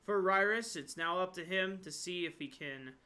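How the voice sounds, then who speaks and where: A man giving live esports play-by-play and analysis as a caster, getting excited and jumping up in pitch when something surprising happens. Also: moderate pace. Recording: brief connection dropouts.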